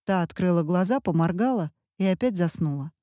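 Wry conversational woman narrator, warm low timbre, dead dry sound. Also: animated, fairly quick, no echo. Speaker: audiobook narrator. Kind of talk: storytelling audiobook narration.

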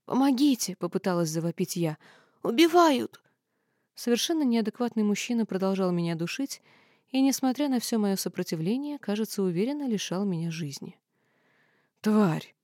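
A woman reading a first-person audiobook in a wry, expressive way. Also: mid-range voice, fairly quick, dry recording, clean studio sound. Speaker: audiobook narrator.

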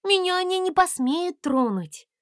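A woman's voice: extremely high pitch, lively intonation, unhurried, no room sound, studio quality, pitched above the performer's own voice. A woman voicing a brave, spirited young princess who speaks urgently and commandingly. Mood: encouraging.

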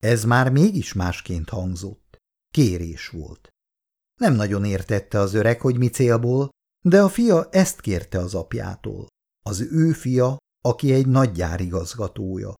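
A man narrating a story in a scripted reading, expressive in delivery. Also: lowish voice, creaky.

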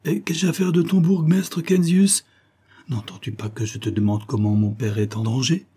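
A man's voice: mid-range voice, flat delivery, normal speed, mellow, husky, voice pushed up, close to an everyday voice. A man voicing a frightened young woman in an audiobook, urgent and pleading. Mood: distressed. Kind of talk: audiobook character voice.

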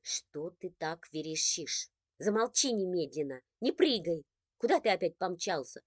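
An easily embarrassed young schoolgirl snaps at her little brother in indignant, high-pitched bursts, as a woman reading the storybook puts her on. Her voice leaps up and down, close and dry. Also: animated, a little slow, no echo. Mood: scolding. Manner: snapping, indignant outbursts.

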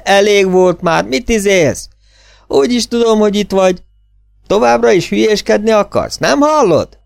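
A man voicing a stranded gentleman in evening dress, shouting for his friend with forced cheerfulness. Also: high-pitched, animated, creaky, no echo, voice pushed up. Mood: forced cheer.

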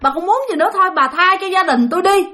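A woman's voice: high voice, animated, a little fast, sharp tone. A woman voicing a desperate old grandmother, begging tearfully for her family. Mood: pleading.

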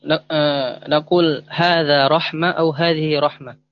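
A man asking his teacher questions in a grammar lesson, halting and hesitant. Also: fairly high pitch, fairly even intonation, lo-fi sound, slight background noise. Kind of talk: classroom question.

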